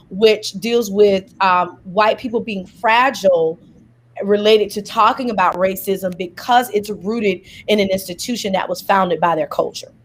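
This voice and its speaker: A woman's voice: mid-range voice, slight background noise. A woman guest in a conversation, explaining her view thoughtfully with a lot of "like" and "kinda.". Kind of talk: casual conversation.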